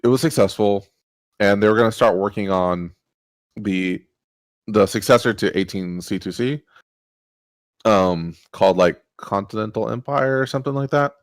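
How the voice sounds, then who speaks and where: A man's voice: fairly low pitch, normal speed, dry recording. A man casually explaining board game rules, rambling with many fillers.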